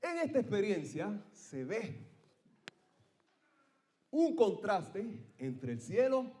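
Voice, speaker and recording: A man preaches with a fairly high voice, telling a story with theatrical energy. He swings from hushed asides to ringing shouts and keeps asking the congregation for their amens. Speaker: pastor. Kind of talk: sermon.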